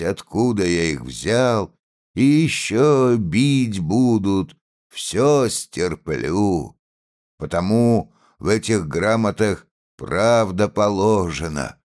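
A man's voice: fairly low pitch, a little mellow, voice pushed up, full character voice. Man playing a defiant beaten peasant orator. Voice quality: full, tight, ringing voice. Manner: slow, solemn, declaiming to the crowd.

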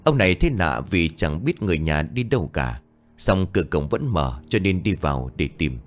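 Brief: male ghost-story narrator, low pitch, lively intonation. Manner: dramatic, measured. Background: faint music.

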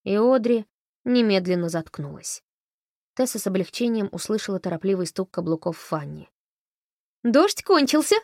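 A woman reads a novel aloud in an expressive, steady narration. Her voice sits in a middle pitch. The sound is close and completely dry, with no room echo. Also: moderate pace, gravelly. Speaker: audiobook narrator. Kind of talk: scripted narration.

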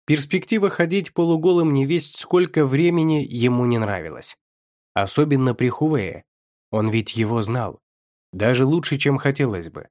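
A man's voice: medium pitch, normal speed, a little mellow, dry recording. Male audiobook narrator, dry sound. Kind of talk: scripted narration of fantasy fiction.

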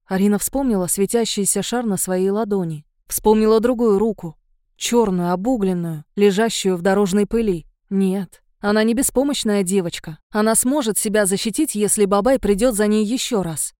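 A woman narrates an audiobook in an even, unhurried voice of medium pitch. Her tone is dark and mellow. The recording is close and dry. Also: no echo.

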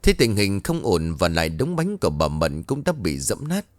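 Low-voiced male horror storyteller. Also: huge pitch swings, normal speed, no room sound, clean studio sound. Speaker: story narrator. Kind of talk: scripted horror story narration.

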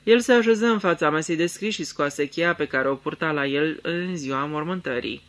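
Male narrator, measured storytelling, detective story reading, slightly high pitch. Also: fairly bright tone.

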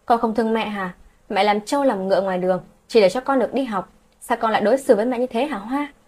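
Angry middle-aged mom yelling at her kid, woman putting it on, husky, storybook reading. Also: on the high side, quick pace. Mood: furious. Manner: scolding, sharp demanding questions. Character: hardworking middle-aged mother, furious and hurt.

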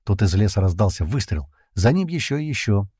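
A man narrating an adventure audiobook in the first person, in a steady storytelling manner. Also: lowish voice, fairly quick, breathy edge, no room sound, clean studio sound.

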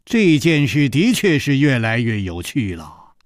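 A man narrating a Chinese storytelling reading, expressive and measured. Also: medium pitch, no room sound, studio quality.

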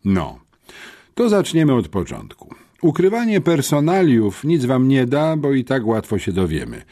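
A man's voice: mid-range voice, huge pitch swings, moderate pace, warm tone, voice pushed up. A man voicing a sneering, suspicious male police officer who interrogates two boys in an audiobook. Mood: interrogating. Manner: mocking, mutters, stern interrogator. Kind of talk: audiobook character voice.

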